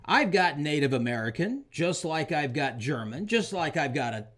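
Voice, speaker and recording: A man hosts his own talk show, holding forth on politics in a fairly high voice that swoops up and down. He hammers his points with repetition and punchy emphasis, pitching his opinions straight at the listener. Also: big pitch swings, normal speed, a bit bright. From Oklahoma, US. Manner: emphatic, repeats lines for punch. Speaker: show host.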